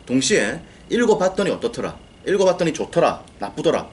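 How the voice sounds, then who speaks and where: A man lectures on writing books with a lively, animated voice. He explains step by step, repeats key phrases and answers his own questions. Faint noise sits under the voice. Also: on the high side, a little fast. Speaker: book-writing coach.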